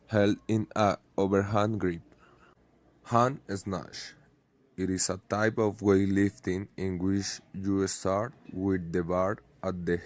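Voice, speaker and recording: A man's voice: deep voice, a little mellow, no echo. A man reads a prepared explanation aloud in English, carefully, in short phrases.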